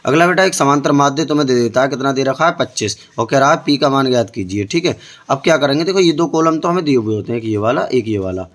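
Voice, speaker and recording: A man's voice: medium pitch, lively intonation, quick pace. Man explaining math, asking pupils. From India. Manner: explains step by step, keeps asking the students questions. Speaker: math teacher. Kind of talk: board-exam tutoring lesson.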